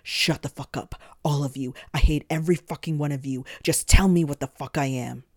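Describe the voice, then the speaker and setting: A woman's voice: extremely low pitch, normal speed, darkish tone, dry recording, clean studio sound. A storyteller voicing a furious, cursed young woman who screams and swears. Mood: hateful. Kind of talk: audio story character.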